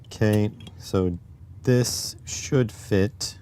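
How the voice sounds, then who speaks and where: A man with a raspy voice live-streaming while testing circuit boards, muttering to himself as he works and reading chat aloud. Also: fairly low pitch, extremely slow, mellow, slight background noise. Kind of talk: casual live-stream electronics tinkering.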